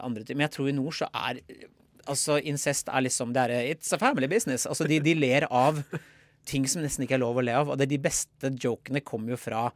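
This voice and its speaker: A man, a stand-up comedian from southern Norway, chatting as a podcast guest, laughing often and bursting into loud mock quotes. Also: mid-range voice, no room sound. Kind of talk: casual podcast interview.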